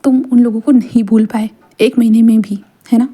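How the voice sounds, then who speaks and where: A woman's voice: a little high, fairly even intonation, moderate pace, warm tone, husky. A woman voicing a middle-aged mother who keeps probing and teasing her son. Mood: prodding.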